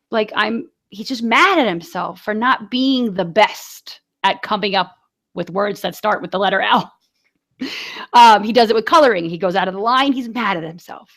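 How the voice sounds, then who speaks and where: Woman, 40s, podcast co-host, rambling anecdotal chat, mid-pitched. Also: normal speed, a bit bright. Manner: chatty storyteller, many fillers and laughs. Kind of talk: casual chat.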